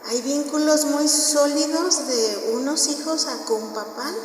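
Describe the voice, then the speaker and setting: A woman's voice: high-pitched, slow pace. A woman with a Mexican accent gives an informal parish talk on family life, telling stories and often checking in with her listeners. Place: parish hall. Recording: very echoey hall, voice from far off, faint noise.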